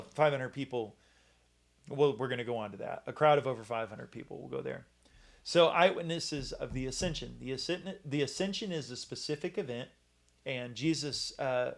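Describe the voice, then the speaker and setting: Halting man giving a Bible talk. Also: mid-range voice, vocal fry. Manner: halting, many fillers and restarts. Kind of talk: casual Bible teaching talk.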